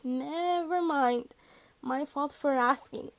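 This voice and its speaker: A woman's voice: high-pitched, slow pace, vocal fry, dry recording, exaggerated voice. A woman voicing a blunt young man who speaks curtly and snaps at his friends. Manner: blunt, snappish.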